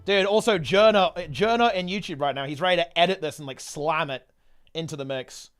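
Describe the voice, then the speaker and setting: A man's voice: on the high side, fairly quick, fairly bright tone, clear, resonant tone, faint music behind. A man streaming casually to his chat, rambling in gamer slang and repeating himself while getting over a sickness. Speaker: game streamer and video host.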